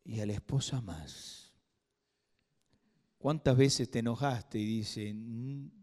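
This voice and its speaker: A man preaching a sermon in a church, swinging from loud emphatic bursts to hushed asides. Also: fairly low pitch, takes it slowly. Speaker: pastor. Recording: long hall reverb.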